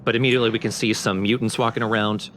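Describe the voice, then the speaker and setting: Over background game music, a let's play commentator with a lowish, somewhat bright voice speaks very fast in a flat delivery. He explains the gameplay informally, step by step, with slight background noise present.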